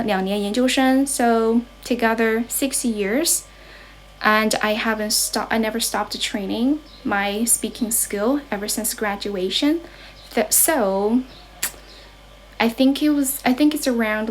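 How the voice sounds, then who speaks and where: A young Chinese woman from China, an English teacher with a Chinese accent, chats casually on a livestream from her grandmother's house. She speaks slowly, keeps rephrasing and translating herself between English and Chinese, and sounds slightly unwell and low on energy. There is slight background noise.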